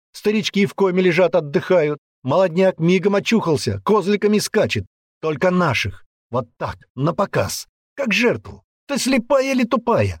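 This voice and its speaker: A man voicing a hot-tempered, brutish young man who rants and yells threats in an audiobook. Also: sits high, dry recording, studio quality, pitched above the performer's own voice. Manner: aggressive ranting, yelling threats. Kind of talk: audiobook character voice.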